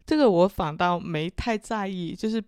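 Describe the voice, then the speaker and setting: Low-pitched woman with a Chaoshan Teochew accent. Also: a little mellow, clear, resonant tone, no echo, studio quality. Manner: unhurried, artless, unexcitable intonation. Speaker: podcast co-host. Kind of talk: casual chat.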